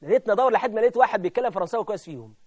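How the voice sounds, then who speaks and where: A man with an Egyptian Arabic accent preaching a fervent sermon, dropping to hushed asides and rising to loud climaxes. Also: sits high, expressive, rapid-fire, no echo.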